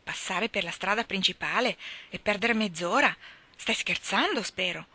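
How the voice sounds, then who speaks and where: A woman voicing a stern, practical older woman who talks briskly and scolds. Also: mid-range voice, pushed and bright, no room sound. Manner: brisk, scolding, matter-of-fact.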